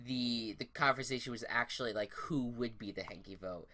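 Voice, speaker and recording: Young man, podcast co-host, casual recap, stumbling restarts, mid-pitched voice. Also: normal speed, a little hiss or hum. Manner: rambling, frequent restarts and self-corrections; animated retelling that acts out quotes.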